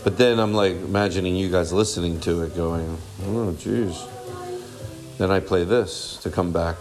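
A man's voice: deep voice, flat delivery, brisk, a little mellow, soft background music. A man hosting a podcast in casual, rambling solo chat, with silly over-the-top showmanship and repeated phrases. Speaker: podcast host.

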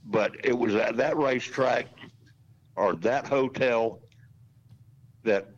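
Taking it slowly in a mid-range voice, a sixty-something racetrack announcer shares loose, folksy stories on a podcast, restarting now and then. The casual interview is captured in dull lo-fi audio.

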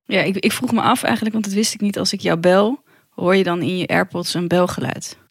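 A woman's voice: on the low side, steady tone, a little fast, no echo, studio quality. A woman co-hosting a podcast, chiming in with short questions in casual chat. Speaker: podcast co-host.

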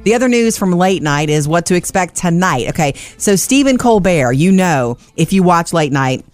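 A woman's voice: on the low side, lively intonation, normal speed, no room sound, soft background music. Upbeat woman radio host, casual banter, dry studio sound. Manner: chatty, upbeat, laughs easily. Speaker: entertainment news host.

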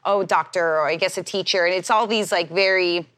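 A woman's voice: fairly low pitch, fairly even intonation, fairly quick, a bit bright. A woman hosting an interview, encouraging her guest and asking questions. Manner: encouraging, lots of backchannel agreement. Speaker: interview host. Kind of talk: casual interview chat.

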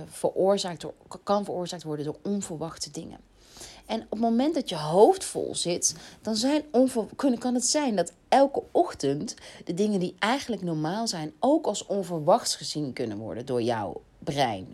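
A woman's voice: on the low side, darkish tone. A woman in her thirties with a Dutch accent, hosting a podcast and giving casual advice in a chatty way, with many fillers and self-corrections. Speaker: podcast host.

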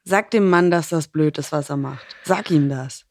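A woman's voice: low-pitched, normal speed, a little mellow, no room sound. Female podcast co-host, teasing and amused, dry close mic. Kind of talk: casual chat.

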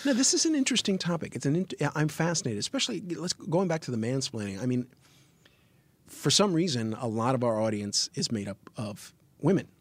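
A man's voice: mid-range voice, lively intonation, brisk, dry recording. A middle-aged man co-hosting a podcast in casual chat, jokey and self-mocking. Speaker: podcast co-host.

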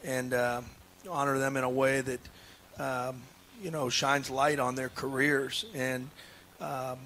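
A man's voice: medium pitch, level tone, slow pace, bright, forceful tone, slight background noise. A man, a head basketball coach, talking earnestly in a casual radio interview, with many restarts and fillers. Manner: earnest, emotional.

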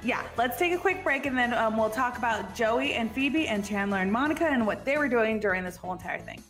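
Podcast co-host, woman, casual and chatty, laughs often, slightly high register. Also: animated, a little fast, over music. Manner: chatty and giggly, many fillers. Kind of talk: casual chat recapping a TV episode.

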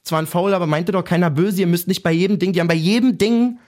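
A man in his thirties from Germany, chatting casually on a podcast, telling a story in slang and acting out quotes loudly. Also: high-pitched, fast talker. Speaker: podcast host telling an anecdote.

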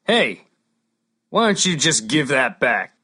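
A woman's voice: extremely low pitch, big pitch swings, slow pace, pushed and bright, slightly rough, voice pushed down, heavily acted. A woman voicing a plucky young man who wants to be a knight, hesitant and stammering when put on the spot. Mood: defiant. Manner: hesitant, stammering under pressure. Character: young male would-be knight, nervous but plucky.

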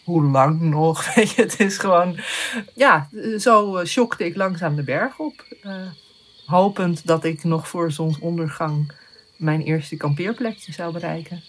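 A young woman telling a personal hiking story in a reflective way, pausing often with fillers and restarting sentences. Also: on the low side. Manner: hesitant, many fillers and restarts.

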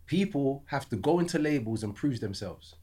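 A man's voice: medium pitch, animated, normal speed, warm tone. A man, a podcast guest and music label founder, talking in an emphatic, slang-heavy, casual way. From United Kingdom.

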